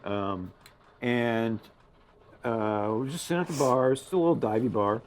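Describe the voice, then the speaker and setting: A man's voice: mid-range voice, normal speed, slight background noise. Guy cohosting a beer show, tells a bar story, does everyone's voices. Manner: animated storyteller who acts out voices of others. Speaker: brewmaster co-host. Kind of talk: casual chat, telling a bar story.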